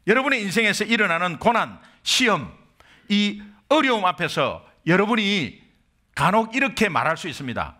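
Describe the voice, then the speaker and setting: A man's voice: high-pitched, big pitch swings, moderate pace, pushed and bright. A middle-aged man from Korea, a pastor preaching an impassioned sermon full of rhetorical questions.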